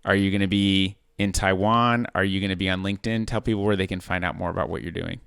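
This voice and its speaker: A man's voice: deep voice, fairly even intonation, quick pace, creaky, a bit bright, smooth, no echo. A man hosting a podcast, chatting casually with his guest and laughing easily. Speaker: podcast host. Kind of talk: casual interview chat.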